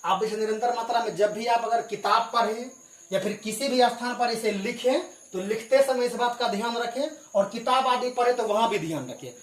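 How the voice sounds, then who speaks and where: A man's voice: extremely high pitch, moderate pace. A man teaching English in Hindi, spelling words out letter by letter and explaining patiently. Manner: clears his throat now and then. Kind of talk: spoken classroom lesson. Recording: echoey room with crickets behind.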